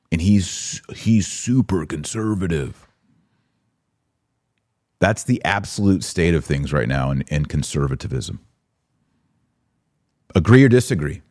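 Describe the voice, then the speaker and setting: Low-pitched and dark in tone, an American man leads a live-stream where he answers comments and poses rhetorical questions. He's a podcast host and religious commentator speaking conversationally and with opinion.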